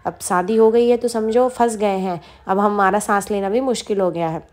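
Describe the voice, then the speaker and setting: A woman voicing a joking young husband in quick, teasing banter, close to her own voice. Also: mid-range voice, darkish tone, close to an everyday voice. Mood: grumbling.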